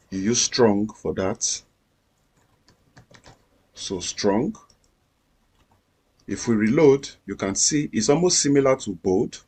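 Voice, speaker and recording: Slow, husky-voiced man teaching code. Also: mid-range voice. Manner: patient, repetitive step-by-step explaining. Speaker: coding instructor. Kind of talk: screen-recorded coding tutorial.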